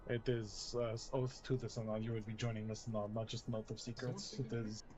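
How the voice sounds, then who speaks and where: A man's voice: lowish voice, level tone, fairly quick, a little mellow. A man in an online role-play, chatting in character and explaining things in rather formal wording. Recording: muffled, very noisy game voice chat.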